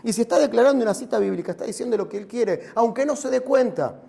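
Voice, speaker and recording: A man with a Rioplatense Spanish accent preaching a sermon as pastor, animated and rising to shouts. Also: very high-pitched, fast talker, creaky.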